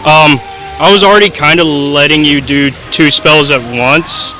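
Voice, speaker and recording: A man's voice: a little high, normal speed, pushed and bright, soft background music, poor audio. A man playing an exasperated game master in a tabletop comedy sketch. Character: exasperated game master reining in his players.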